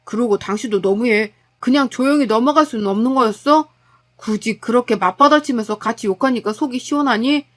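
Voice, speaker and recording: A woman's voice: fairly high pitch, fairly quick, natural voice. A woman voicing a blunt, irritable young husband who talks in an exasperated, reproachful way.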